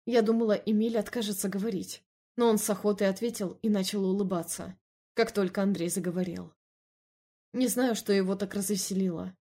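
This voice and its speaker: A woman narrates a first-person novel in an even, measured tone. Her voice is mellow and slightly husky, with a middle pitch. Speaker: audiobook narrator.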